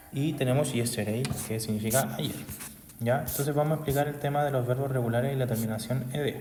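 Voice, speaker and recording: Teacher in an echoey room. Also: male voice, medium pitch, darkish tone, a little hiss or hum. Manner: constant tag questions, patient explaining. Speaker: English teacher. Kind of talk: explanatory class recap video.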